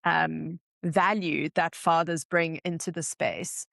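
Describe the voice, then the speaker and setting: A woman's voice: low-pitched, fairly even intonation, slow pace, creaky, a bit bright, dry recording, clean studio sound. A woman co-hosting a podcast, reflecting on personal stories in a casual chat. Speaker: podcast co-host.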